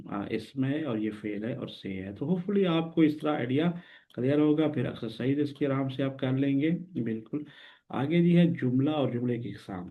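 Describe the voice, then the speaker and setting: A man from Pakistan gives a recorded grammar lesson. He talks at a mid pitch, in a patient manner, and goes over each word slowly and repeats it. The sound is thin and narrow, like a phone line. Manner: patient, explains step by step and repeats words slowly. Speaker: teacher. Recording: tinny phone-like audio.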